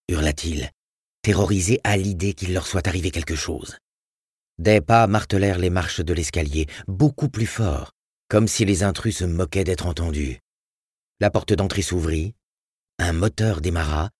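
A man reading a tense story aloud with dramatic, expressive narration. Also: deep voice, breathy edge, no room sound, studio quality. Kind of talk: audiobook narration.

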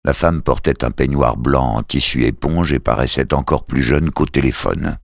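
A man reading a novel aloud as narrator, in a steady, measured way. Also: extremely low pitch, gravelly, no echo, clean studio sound. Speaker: audiobook narrator. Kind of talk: scripted narration.

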